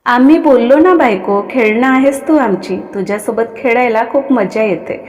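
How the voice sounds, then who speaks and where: A woman's voice: on the high side, normal speed, darkish tone, in a large hall, highs cut off, natural voice. Woman reading as a smug teasing husband. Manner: smug, mocking, calls himself "we". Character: teasing arrogant young husband, man.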